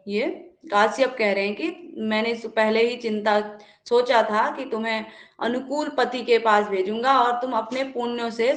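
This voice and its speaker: Slow-paced woman teaching in an echoey room. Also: on the high side. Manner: reads verses slowly, then explains them conversationally; greets students joining the live class. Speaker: Sanskrit teacher. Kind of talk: online class explaining a Sanskrit play.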